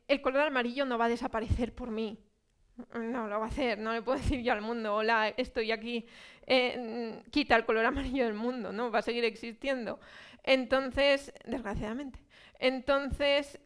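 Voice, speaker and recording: A woman's voice: high-pitched, smooth. A woman from Spain giving a public talk about her own experience, conversational, with many fillers and rhetorical questions. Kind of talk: public lecture. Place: cultural centre hall.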